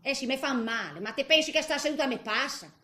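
A feisty, grumbling eighty-year-old woman in a nursing home, with a Tuscan Italian accent, delivers a comic theatre monologue full of muttered asides and exclamations. Her high voice is bright and sharp, fast and lively, swooping up and down, and it echoes through a roomy space.

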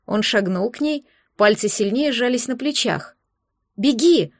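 A woman reading a first-person audiobook aloud, with expressive, emotional storytelling. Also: on the high side, moderate pace, dry recording, clean studio sound. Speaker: audiobook narrator.

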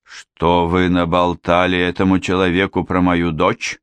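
A formidable widow who thunders out her demands in slow, commanding phrases. A man voices her in a low, dry read. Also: monotone, fairly bright tone, clear, resonant tone, no room sound. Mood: imperious. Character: imperious, formidable middle-aged widow.

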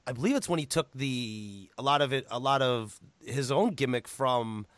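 A man co-hosting a podcast in rowdy, profane casual chat, breaking into loud impressions. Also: medium pitch, normal speed. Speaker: podcast co-host.

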